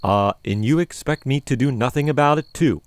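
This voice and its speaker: A man's voice: medium pitch, brisk, dry recording, lightly acted. A man voicing a sleepy, put-upon husband woken in the night, complaining in an exasperated, whiny way in an amateur comedy audio drama. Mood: arguing.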